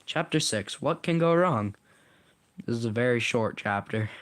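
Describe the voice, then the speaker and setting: A man's voice: medium pitch, lively intonation, normal speed, slight background noise. Man casually reading his own story. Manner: casual, stumbles and corrects himself.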